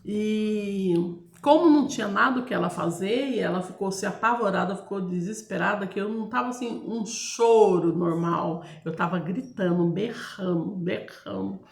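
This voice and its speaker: A woman's voice: medium pitch, normal speed, vocal fry, roomy sound. A woman with a Brazilian Portuguese accent telling a personal testimony in a chatty, hesitant way, often checking in with her listeners. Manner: chatty, keeps addressing listeners with tag questions; hesitant, restarts and searches for words. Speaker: storyteller sharing a personal testimony. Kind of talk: casual spoken testimony.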